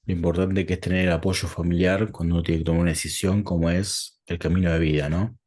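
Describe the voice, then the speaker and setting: A man with an Argentine accent hosting a sit-down interview, asking questions in a measured way and laying out topics one after another. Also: deep voice, level tone, a little mellow. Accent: Rioplatense Spanish. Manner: measured, introduces topics in lists. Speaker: interviewer host.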